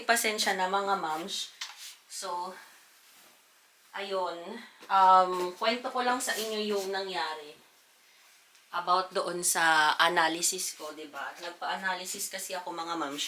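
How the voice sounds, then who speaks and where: Slow, bright-voiced woman vlogger. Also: fairly low pitch, a little hiss or hum. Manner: chatty, addresses viewers as "mga mamshis" between chores. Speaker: family vlogger, mother. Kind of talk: casual chat to viewers. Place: home in a family apartment.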